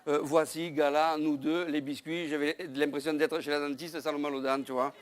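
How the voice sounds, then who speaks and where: A man's voice: a little high, level tone, moderate pace. A male comedian telling a rambling comic story on a small theater stage, chatty, with frequent asides and crude exclamations. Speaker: stand-up comedian.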